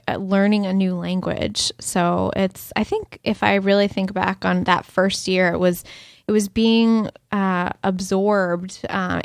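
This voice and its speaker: A woman in her thirties co-hosts a casual podcast, chatting in a reflective way and laughing often. Her medium-pitched voice is gravelly, captured in a dry, clean studio recording.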